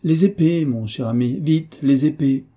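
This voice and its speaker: A man voicing a jovial, mocking hunchbacked marquis in an audiobook reading, with a husky voice and a teasing, theatrical manner. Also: medium pitch, moderate pace, mellow, natural voice.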